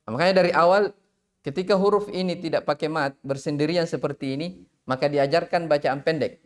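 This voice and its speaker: A man teaching tajwid in a live online class, drilling Arabic syllables slowly and calling on students to recite. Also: fairly high pitch. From Indonesia.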